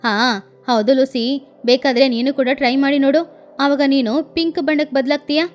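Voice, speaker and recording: A woman with a high-sitting, natural voice, fairly even intonation and normal pace plays a fussy, theatrical adult crow aunt in a cartoon. Defensive, she wails and justifies herself to talk her way out of trouble, with soft music behind.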